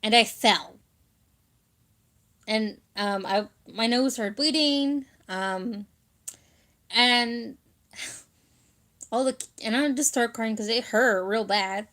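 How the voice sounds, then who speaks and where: In a fairly bright, somewhat high voice, a young woman draws out her words and pauses often while chatting with her viewers. As a vlogger telling casual childhood stories, she giggles frequently and fills gaps with filler words.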